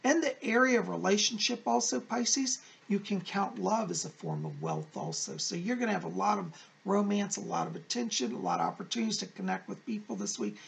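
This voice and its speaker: A man's voice: sits high, very animated, a little fast, vocal fry, few pauses. A man reading weekly horoscopes like a fortune teller, effusive, encouraging and emphatic, speaking straight to his viewers.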